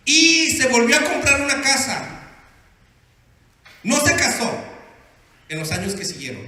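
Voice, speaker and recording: A male pastor with a very high, sharp, ringing voice, preaching with emphatic calls to the congregation. His voice swoops widely in pitch. The sermon rings through a big, reverberant church hall. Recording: echoey hall with long reverb.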